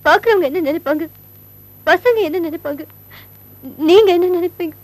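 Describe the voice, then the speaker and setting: A high-voiced anxious wife. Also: female voice, normal speed, no room sound. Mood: worried. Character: anxious devoted wife, middle-aged mother.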